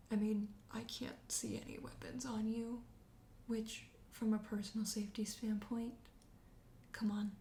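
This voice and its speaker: Whispering softly and breathily in a dark, mellow tone, a woman takes on the role of a suave vampire host for ASMR. Her slow delivery is coaxing and flirtatious, and her mid-range voice stays close to how she normally sounds. Roomy echo and faint background noise fill the recording.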